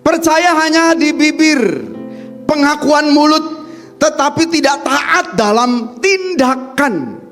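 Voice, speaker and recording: A man preaching a church sermon, swinging from shouting to near-whispers and calling the congregation to answer amen. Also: extremely high pitch, animated, slow pace, soft background music. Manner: asks the congregation questions and calls for amens. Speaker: pastor. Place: church during a Sunday service.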